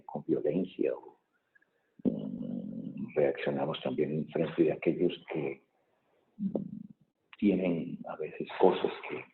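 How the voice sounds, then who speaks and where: A low-voiced priest speaks in a measured, thoughtful way, his words ringing in a long cathedral echo. The sound is thin and tinny, as if heard over a phone line. He pauses and hesitates now and then as he preaches. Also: creaky. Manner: measured reading, thoughtful homily with pauses and fillers. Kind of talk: Mass reading and homily. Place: large church. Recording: echoey church hall, tinny phone-like sound.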